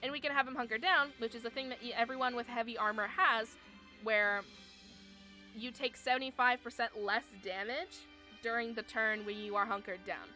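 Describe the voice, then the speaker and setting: Bright-voiced woman streamer explaining gameplay. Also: a little high, steady tone, normal speed, soft background music. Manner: chatty, explains game rules step by step with frequent fillers. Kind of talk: live-streamed gameplay commentary.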